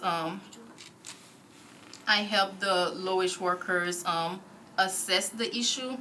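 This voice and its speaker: Bright-voiced Haitian-born woman, measured answers. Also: mid-range voice, slight background noise, poor audio. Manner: measured, frequent ums. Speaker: board nominee. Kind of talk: formal interview answers. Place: council committee room.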